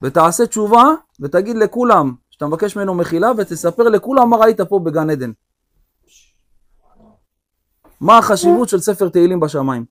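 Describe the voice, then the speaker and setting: A man's voice: a little high, steady tone, natural voice. A male teacher voicing a stern old king who firmly lays down conditions for forgiveness. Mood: commanding. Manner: firm, commanding, emphatic. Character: stern old king judging a sinner, solemn.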